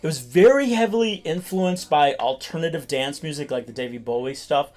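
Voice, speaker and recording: A man's voice: on the high side, animated, fairly quick, a little mellow. A male DJ, a guest in a casual interview, talking enthusiastically about his music. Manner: enthusiastic, uses filler "like". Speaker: DJ and record label guest.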